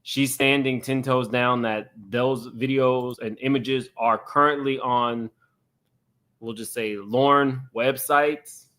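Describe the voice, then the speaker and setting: A man's voice: mid-range voice, steady tone, slow, a bit bright. A man hosting casual reaction commentary in a blunt, unapologetic, conversational way. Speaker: host of a commentary channel.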